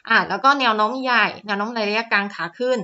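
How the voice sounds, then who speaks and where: This is a voice-over on a screen recording in which a woman teaches her way through stock charts, chatting along with plenty of fillers and polite particles. Her medium-pitched voice is bright and forceful, with fairly even intonation and a quick pace, though the audio sounds dull.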